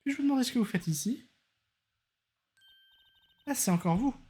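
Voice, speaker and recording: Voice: medium pitch, lively intonation, moderate pace, dark tone, breathy edge, pitched above the performer's own voice. A streamer voicing a prickly young female forensic detective from a courtroom game, curt and irritated. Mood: annoyed.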